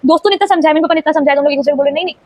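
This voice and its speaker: Rapid high-voiced young woman telling a story. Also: dry recording. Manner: animated, rapid, repeats phrases for emphasis. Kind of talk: casual storytime.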